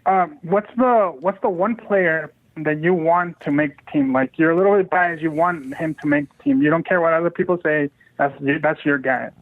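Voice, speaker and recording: A man's voice: a little high, moderate pace, dry recording. A man calling in to a radio show by phone with casual questions. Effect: phone line. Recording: tinny phone line.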